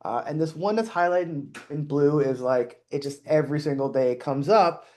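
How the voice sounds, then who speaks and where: A slightly high, somewhat mellow male voice at normal speed belongs to a middle-aged conference speaker. Before an audience on stage, he talks casually, pokes fun at himself, and stumbles through many restarts and fillers.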